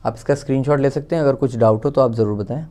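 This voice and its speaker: An Indian-accented man gives a relaxed music theory lesson, thinking aloud as he writes and counting out each step. His voice sits at a middle pitch with a warm, mellow tone. He pauses to correct himself now and then. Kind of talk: casual explanatory lesson while writing.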